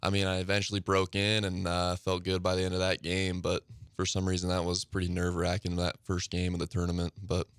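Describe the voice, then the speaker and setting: Teen ballplayer, really deep voice, super flat and monotone, keeps it short. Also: male voice, fairly quick, smooth, no room sound, clean studio sound. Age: late teens. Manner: short, low-key answers. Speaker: high school baseball player. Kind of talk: casual interview answers. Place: radio studio.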